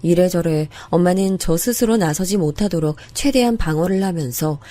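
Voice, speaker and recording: Woman narrator for a first-person story, low mellow voice, dry close sound, earnest and confiding. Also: moderate pace, no room sound. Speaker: narrator of a true-story drama.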